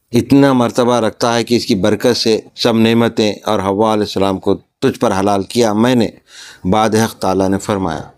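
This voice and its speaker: A man's voice: on the low side, darkish tone, clean tone. A man with a Pakistani Urdu accent, reading a religious story aloud and stopping to explain each passage in plain words.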